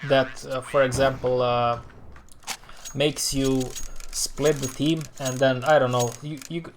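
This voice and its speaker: A man streaming from home, picking apart match replays in a rambling, exasperated way and sighing between thoughts. His voice sits at an ordinary middle pitch, and a faint hiss runs under the desk mic. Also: flat delivery, slow. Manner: exasperated, rambling with frequent sighs. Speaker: streamer analyzing esports match demos. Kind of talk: live-stream match commentary.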